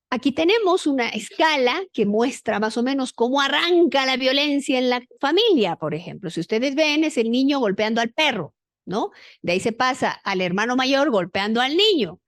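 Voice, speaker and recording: A woman speaking at a conference, lecturing in a lively way and asking the audience rhetorical questions. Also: high-pitched, moderate pace, no echo, clean studio sound. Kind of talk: lecture at a congress.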